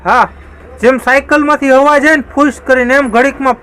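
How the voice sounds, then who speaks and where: High-voiced man telling jokes. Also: normal speed, smooth, low-quality recording. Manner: lively storyteller, slips into voiced quotes. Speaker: comedy channel host. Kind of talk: joke-telling monologue.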